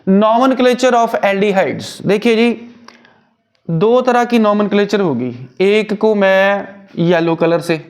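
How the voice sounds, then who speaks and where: A man's voice: high-pitched, takes it slowly. A male chemistry teacher, explaining step by step and asking and answering his own questions. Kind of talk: Hindi-English chemistry lecture.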